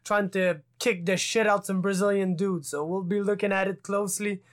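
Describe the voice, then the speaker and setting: A male interviewer chats loosely with his guest and swears freely. His voice sits high for a man. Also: steady tone, moderate pace. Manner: loose, profane, chatty. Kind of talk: casual interview.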